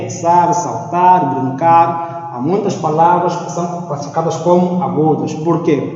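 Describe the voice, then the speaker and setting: A male teacher with a warm, high-sitting voice gives a classroom grammar lesson, repeating key terms and checking in with "ok?". He sounds distant and echoey, and the recording is dull and lo-fi, with roomy echo and faint noise.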